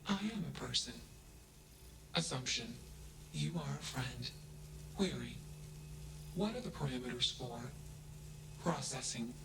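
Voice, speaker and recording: An actor voicing a flat, emotionless AI in a video game, speaking in clipped monotone statements that each start with a label word. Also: male voice, medium pitch, a little slow, gravelly, pauses often, noisy background. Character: flat emotionless AI, a thinking machine.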